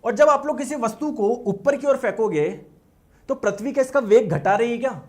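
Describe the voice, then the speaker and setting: A man's voice: very high voice, lively intonation, moderate pace, darkish tone. A man teaching a physics lesson to exam students with lots of energy, repeating words for emphasis and asking the class yes-or-no questions.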